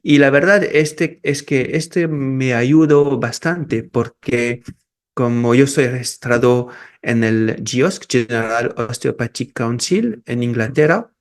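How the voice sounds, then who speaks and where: A man speaking in an easygoing interview. He talks slowly and halts often, repeating words and restarting as he works out his thoughts. His voice sits at an ordinary middle pitch. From France and Peru, raised in Morocco. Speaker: osteopath and researcher, guest. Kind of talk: casual interview.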